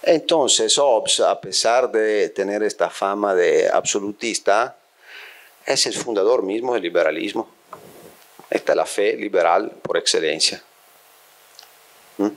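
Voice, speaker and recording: A man's voice: on the low side, a little slow, pauses often. A middle-aged man from Italy giving a lecture to a live audience in a small room, speaking into a handheld mic and often checking in with his listeners. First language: Italian. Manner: frequent checking questions to the audience, thinking aloud. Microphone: handheld microphone.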